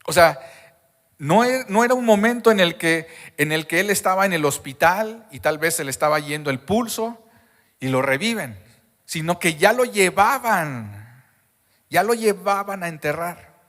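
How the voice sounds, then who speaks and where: A man with a high voice preaches an Easter Sunday sermon, speaking emphatically and asking the congregation questions. He is recorded at a live church service, and his voice rings with the long reverb of the hall. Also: animated, normal speed, a bit bright. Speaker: pastor.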